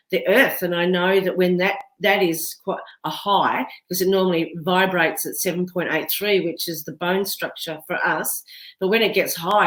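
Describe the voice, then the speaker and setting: A woman's voice: lowish voice, reverberant, rough recording. A woman hosting a podcast, chatting and agreeing easily, often ending with tag questions. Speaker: podcast host. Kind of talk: casual interview chat.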